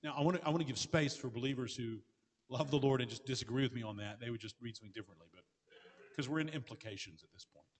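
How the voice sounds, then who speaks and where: A man answering questions from the floor as pastor, earnest and fast, often restarting mid-sentence. His voice carries a long reverb from a large hall. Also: medium pitch. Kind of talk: conference Q&A answers.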